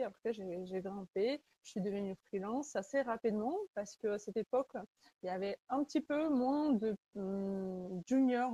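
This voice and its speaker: A Salesforce consultant from Kazakhstan hosts a webinar, her talk earnest and conversational though she often searches for words. The voice is mid-range and mellow, and the recording is dry.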